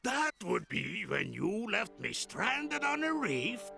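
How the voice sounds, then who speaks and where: An actor playing a gruff, boisterous old pirate captain in a cartoon, talking like a salty, theatrical old fisherman, sly and greedy. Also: high voice, wildly swooping pitch, takes it slowly, full character voice. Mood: menacing. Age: older. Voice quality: gravelly. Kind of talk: animated cartoon acting. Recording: music behind the voice.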